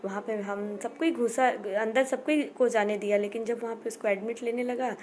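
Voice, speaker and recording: A woman telling her family's story as a mother, in a halting way, circling back and repeating herself. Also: on the high side, steady tone, a little mellow, a little hiss or hum. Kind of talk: personal storytelling.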